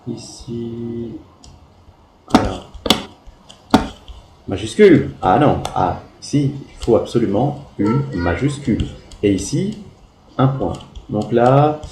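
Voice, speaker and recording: A man's voice: lowish voice, reverberant, background noise. A man teaching a primary class, going over pupils' spelling work and spelling words out letter by letter.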